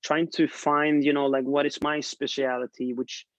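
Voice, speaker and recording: This is a casual interview chat on a video call with a young songwriter guest from Sweden, who sounds relaxed, laughs frequently and trails off with fillers. His voice is fairly high and unhurried, and the dull, lo-fi, dry sound has no echo.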